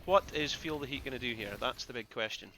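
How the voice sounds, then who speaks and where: A man giving excitable live play-by-play commentary on an esports match, with bursts of loud exclamations. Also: medium pitch, fast, over loud music. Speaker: esports caster.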